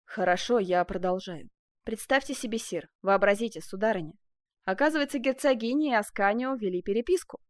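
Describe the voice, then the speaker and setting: A woman reading a composed male artist who stays cool while others rage. He speaks in a measured, polite way, and the reading sits in a dry, close sound. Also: mid-range voice, dry recording, close to an everyday voice. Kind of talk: audiobook character voice.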